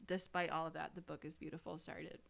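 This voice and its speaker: A woman co-hosting a podcast, gushing about books in an animated, giggly way. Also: low voice, fast, creaky, crowd noise. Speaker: podcast co-host. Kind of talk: casual book chat.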